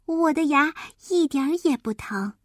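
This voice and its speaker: A woman voicing a noisy, cheeky little boy who talks high, loud and insistent. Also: animated, normal speed, dry recording, studio quality.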